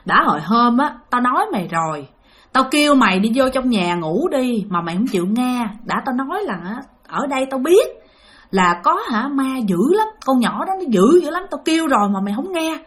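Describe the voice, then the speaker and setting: A woman's voice: high-pitched, very animated, brisk. A woman voicing a blunt older male landlord who scolds. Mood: scolding.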